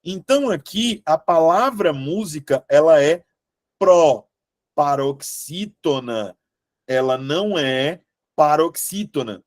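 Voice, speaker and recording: A Brazilian man with a slightly high voice gives an online exam-prep grammar lesson. He takes his time and checks in with the class often. He fondly calls the students "meus amores.". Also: expressive, unhurried, few pauses. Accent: Brazilian Portuguese. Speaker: Portuguese grammar teacher.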